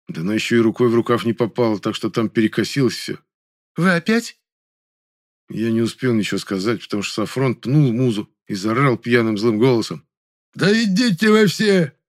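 A man reading a first-person story aloud as audiobook narrator, in a measured, even way. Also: on the low side, no room sound, studio quality.

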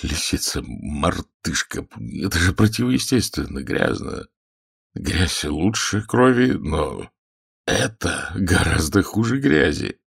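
A man voicing a weary nobleman's inner thoughts in a low muttering tone. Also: expressive, slow, vocal fry, slightly rough, no room sound, studio quality, exaggerated voice. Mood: disgusted. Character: weary, disgusted nobleman brooding inwardly.

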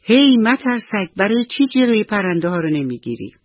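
A man voicing a wise farm rooster who gives slow, reassuring advice in a children's radio story. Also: high-pitched, very animated, no echo, muffled recording, pitched above the performer's own voice. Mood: encouraging.

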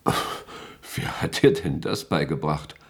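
An actor uses a very deep, exaggerated voice to play a middle-aged male security chief in a German radio play. Commanding and courteous yet guarded, the character speaks deliberate officialese, and his mood is stern and probing.

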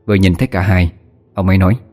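A man narrating a horror story in a steady, measured storytelling voice. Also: deep voice, faint music behind. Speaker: audiobook narrator.

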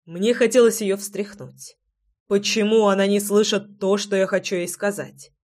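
An audiobook narrator reading a modern romance novel in the first person, in a steady storytelling manner. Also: mid-range voice, moderate pace.

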